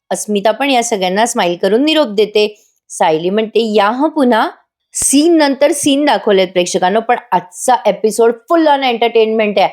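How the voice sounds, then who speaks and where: A woman's voice: medium pitch, a little mellow. A woman narrating a voice-over recap of a TV serial episode, chatting directly to her viewers. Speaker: TV serial reviewer.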